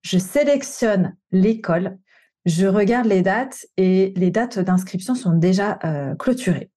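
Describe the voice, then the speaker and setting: A coach and podcast host in her thirties from the Paris region, France, tells her own career story in a personal monologue. Her mid-range voice is warm and expressive, her pace slow, and she speaks candidly and conversationally with some slang.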